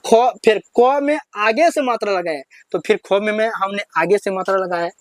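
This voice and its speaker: A woman's voice: medium pitch, normal speed, no echo. Woman, teacher, step-by-step lesson for children, quizzing then drawling syllables, dry close sound.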